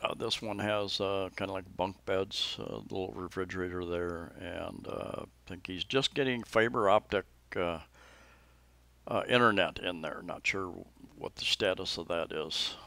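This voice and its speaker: Man, low-ish voice, casual vlog narration, hesitant, fillers, dry close mic. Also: unhurried, gravelly, no room sound. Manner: relaxed, hesitant, many fillers. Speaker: vlogger touring a restaurant. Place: restaurant in the Philippines.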